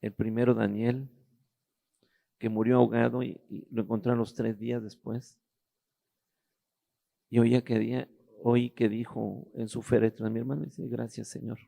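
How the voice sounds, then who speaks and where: Middle-aged man, very gravelly and dark-toned, halting personal testimony. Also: medium pitch, little pitch movement. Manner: halting, searching for words with restarts. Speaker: guest giving a testimony.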